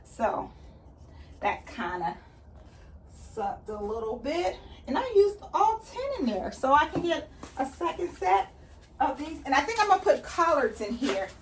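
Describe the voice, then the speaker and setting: A woman's voice: high voice, very animated, unhurried, slight background noise. A woman chatting casually as she explains each step of her gardening work. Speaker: gardening vlogger. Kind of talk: casual how-to chat while working. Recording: slightly distant mic.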